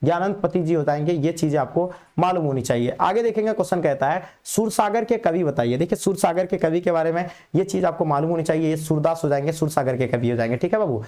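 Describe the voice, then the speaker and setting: Brisk fast-talking male teacher. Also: on the high side, darkish tone. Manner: brisk, repetitive quizzing, calls students "babu". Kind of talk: exam revision lesson.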